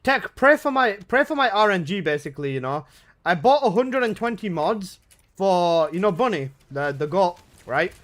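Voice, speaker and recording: A man's voice: high voice, very animated, moderate pace, fairly bright tone. Slangy young man streaming games. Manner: laid-back slangy banter, reading and answering chat. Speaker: gaming livestreamer. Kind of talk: casual live-stream chat. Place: his own room at home.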